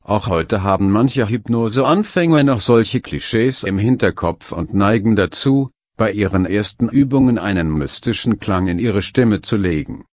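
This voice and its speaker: A man narrating a scripted instructional guide in a calm, measured way. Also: fairly low pitch, no room sound, clean studio sound. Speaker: hypnosis instructor.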